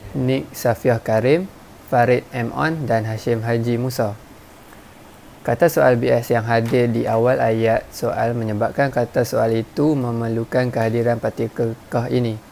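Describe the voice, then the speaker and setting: A man with a Malaysian Malay accent giving a formal, measured academic presentation from a script, like a student presenter. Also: medium pitch, gravelly, mellow, a little hiss or hum.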